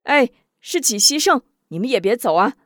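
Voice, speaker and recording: A calm, thoughtful elder martial brother, as a woman narrator voices him speaks in lowered, deliberate phrases. The sound is dry, with no echo. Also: husky, heavily acted. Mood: measured, warm. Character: steady senior male martial brother, thoughtful.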